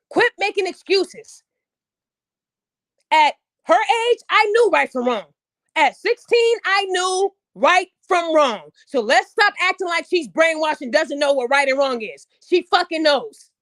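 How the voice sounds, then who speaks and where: A woman with a very high voice delivers a heated, blunt podcast rant, swearing freely and hammering her points home. The sound is dry and close, with no room around her. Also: fairly bright tone, no room sound. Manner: heated, blunt, profane, emphatic. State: upset. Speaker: podcast host. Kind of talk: angry opinion rant.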